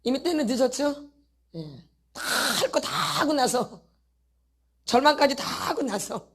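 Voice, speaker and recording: A woman's voice: sits high, lively intonation, a little slow, fairly bright tone, slightly rough. A woman teaching a church congregation about addiction. She keeps asking rhetorical questions, repeats key words for emphasis, and acts out people's inner thoughts in a casual voice. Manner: asks the audience many rhetorical questions. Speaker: church deaconess giving a teaching talk.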